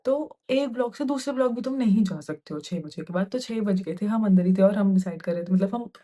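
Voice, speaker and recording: A woman's voice: mid-range voice, brisk, mellow. A young woman from India telling a hostel story to camera in casual Hindi, heated and indignant, slipping in English phrases. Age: young adult.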